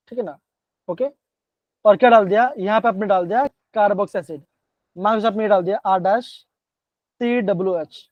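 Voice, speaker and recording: A man's voice: high-pitched, no echo. Male chem teacher on an online class, keeps asking kids to answer, words, muffled dull stream, dry sound. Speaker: chemistry teacher.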